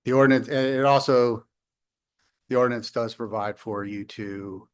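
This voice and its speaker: A man's voice: mid-range voice, steady tone, normal speed. A man on city staff patiently explaining an ordinance at a public council meeting, with some ums. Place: council chamber.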